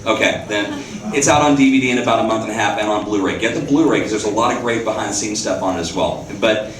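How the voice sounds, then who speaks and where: Lower-voiced man, distant in an echoey hall. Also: quick pace, a little hiss or hum. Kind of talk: casual talk to an audience. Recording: echoey hall from far off with faint ambience.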